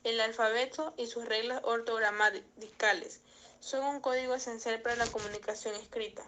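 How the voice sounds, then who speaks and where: A young woman, a student, reading a class presentation aloud in a steady, formal way. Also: a little high, normal speed. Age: young adult.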